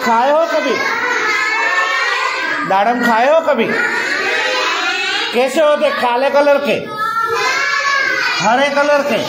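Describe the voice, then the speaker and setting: Patient teacher drilling children in an echoey classroom. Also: male voice, very high voice, extremely slow, long pauses, a loud crowd, heavy background noise. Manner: patient, coaxing, repetitive drilling. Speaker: primary school teacher. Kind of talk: classroom lesson.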